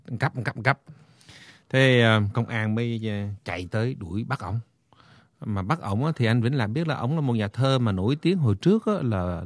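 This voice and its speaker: A man's voice: medium pitch, a little mellow, dry recording, clean studio sound. A man, a lawyer guest on a radio talk show, telling stories with many hesitations. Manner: storytelling, many hesitations and fillers.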